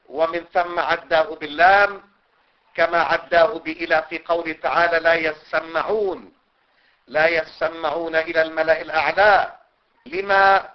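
Male teacher, slightly higher voice, repetitive explaining style, dull lo-fi recording. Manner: repeats points and checks understanding. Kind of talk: classical text lesson.

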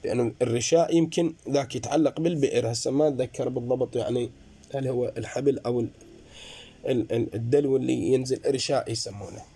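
A man's voice: fast, mellow, breathy edge. A man giving a jurisprudence lecture, explaining points to his students and calling them brothers. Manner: explanatory, addresses students as brothers, rises and drops in pitch. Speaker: seminary teacher.

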